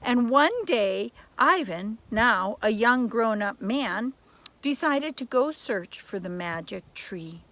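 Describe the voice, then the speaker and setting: An older, grandmotherly woman, a storyteller and primary teacher, reads to children in a theatrical, slow, deliberate way, dropping into whispers and repeating words for emphasis. Her voice is a little high, animated and a bit bright. The recording is dry and low quality.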